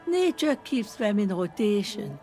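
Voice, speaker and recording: A very old, weary washerwoman, lively intonation. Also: medium pitch, unhurried, soft background music. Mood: weary, resigned. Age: older. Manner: very old woman's way of speaking, resigned and folksy. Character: old washerwoman of a poor fishing village, weary, plainspoken. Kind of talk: video game dialogue acting.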